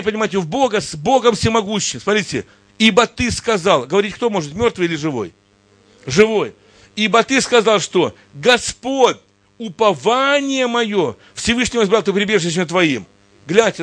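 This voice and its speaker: High-voiced, emphatic male preacher. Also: a bit bright, dry recording. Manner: emphatic, repeats "understand, look" constantly. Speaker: pastor. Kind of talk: sermon.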